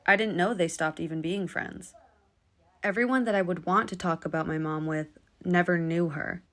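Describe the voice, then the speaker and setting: Quiet, low-voiced woman reading her diary. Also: steady tone, normal speed. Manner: quiet, subdued, confessional. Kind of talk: reading personal journal entries aloud.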